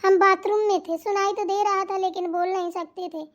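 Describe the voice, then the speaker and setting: A polite, meek young daughter-in-law from a cartoon comedy, voiced by a woman. Her voice is very high and gentle, and the recording sounds a little dull. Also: level tone, a little fast.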